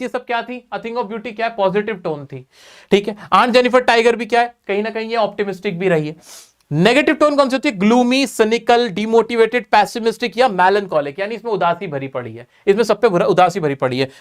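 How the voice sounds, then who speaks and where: A man's voice: high voice, smooth. A man teaching an exam-prep class, repeating key points and quizzing his students.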